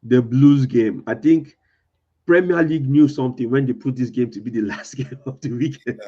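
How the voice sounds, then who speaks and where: A man hosting a casual football chat in a tinny voice with no bass, hesitant and full of fillers and restarts. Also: moderate pace, dark tone. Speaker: podcast host. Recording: thin lo-fi audio lacking bass.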